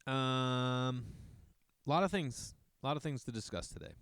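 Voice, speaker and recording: A man's voice: mid-range voice, moderate pace, fairly bright tone, clean tone, no room sound. Middle-aged guy from massachusetts rambling on his podcast, swears a lot, dry no-room sound. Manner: rambling, profane, chatty asides to listeners. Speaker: podcast host. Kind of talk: casual monologue.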